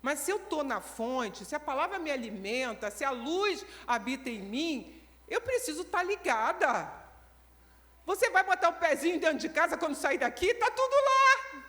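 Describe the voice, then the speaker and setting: A middle-aged woman pastor with a Carioca accent preaching a lively sermon, acting out little scenes for the congregation. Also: high-pitched, moderate pace. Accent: Carioca Brazilian Portuguese. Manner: animated, acts out scenes with the congregation. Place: large church hall. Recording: long church-hall reverb.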